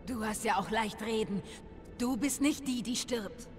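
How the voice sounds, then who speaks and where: A desperate, manipulative woman near death, played by an actress in a game dub, pleading and persuasive, with a slightly raised pitch. She presses her case in urgent, earnest sentences. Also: a little slow, faint music behind, lightly acted. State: dying. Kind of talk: video game voice acting, dubbed.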